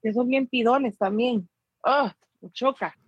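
High-voiced woman telling animated stories. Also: unhurried, husky, dry recording, dull audio. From Guatemala. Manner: animated storyteller who mimics relatives; mixes in English phrases. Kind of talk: casual chat.

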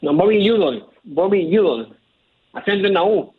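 A man phoning in, his fairly high voice thin and tinny over the phone line. He speaks in a casual, patient way. He keeps explaining and correcting details. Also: animated, normal speed, breathy edge. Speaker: caller. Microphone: telephone.

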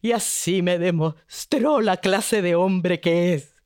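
A woman's voice: fairly low pitch, takes it slowly, a little mellow, clean tone, dry recording, studio quality, voice pushed down. Woman voicing a weary, resolute princess. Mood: weary, earnest. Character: grown princess, worn out but proud.

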